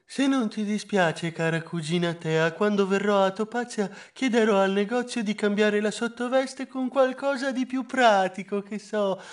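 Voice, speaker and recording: A man voicing a stingy, fussy male mouse cousin in a storybook, talking in a slow, wheedling way. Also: sits high, fairly even intonation, pitched above the performer's own voice, natural voice.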